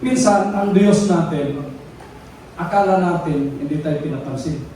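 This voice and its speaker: A male pastor preaching a sermon, telling stories with laughs and now and then shouting out calls. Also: fairly high pitch, unhurried, a little hiss or hum. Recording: very echoey hall from far off.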